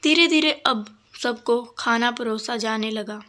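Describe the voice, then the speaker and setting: Woman storyteller, slow scripted narration, higher voice. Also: bright, forceful tone. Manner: slow, deliberate telling.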